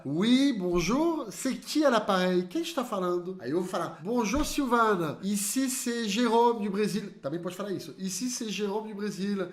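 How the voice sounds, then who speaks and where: A man teaching French phone phrases in a lively online lesson, switching between Portuguese explanation and slow repeated French examples. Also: high voice. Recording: echoey room.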